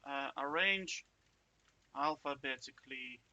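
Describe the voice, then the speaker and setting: A man's voice: mid-range voice, takes it slowly, pushed and bright, dull audio. A man giving a casual, chatty coding walkthrough, thinking aloud and checking in with the viewer. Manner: chatty, self-interrupting, jokey asides; checks in with "right?" often. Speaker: coding tutor.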